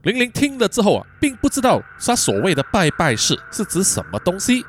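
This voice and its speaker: A man's voice: sits high, husky. A man narrating a podcast thriller story in a dramatic storytelling manner. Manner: lively, dramatic storytelling with drawn-out particles. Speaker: storyteller host.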